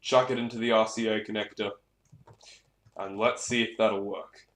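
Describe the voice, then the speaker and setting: His voice is fairly low yet fairly bright, with a steady tone and moderate pace. He's a hobbyist giving an informal, rambling, hands-on look at some gear, swearing at times, recorded in an echoey room with clicks and clear background noise.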